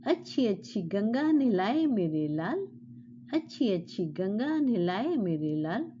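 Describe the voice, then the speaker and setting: A woman's voice: mid-range voice, big pitch swings, dark tone, lo-fi sound, slight background noise. A woman doing a cheeky little sparrow's sing-song. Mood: taunting sing-song. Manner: slow sing-song chanting. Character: cheeky little female sparrow, mischievous singer.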